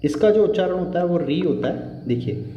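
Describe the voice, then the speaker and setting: A man teaching a Hindi spelling lesson, slow and patient, repeating each word for emphasis. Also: sits high, lively intonation, warm tone, roomy sound, long reverb tail, muffled recording, slight background noise.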